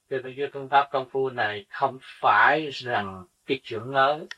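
A man's voice: medium pitch, unhurried, sharp tone, breathy edge. A man giving an earnest spiritual sermon, teaching with rhetorical questions. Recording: dull lo-fi recording from a distance.

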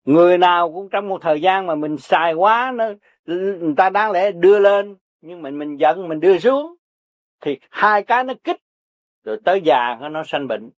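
An older man with a Southern Vietnamese accent preaches Buddhist practice in a blunt, folksy way, hammering his points through repetition. His voice sits high for a man. The recording is dry and dull, like a lo-fi tape. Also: animated, moderate pace, dry recording. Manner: blunt, repetitive, urging, earthy. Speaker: Buddhist teacher. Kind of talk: folksy spiritual teaching to listeners.

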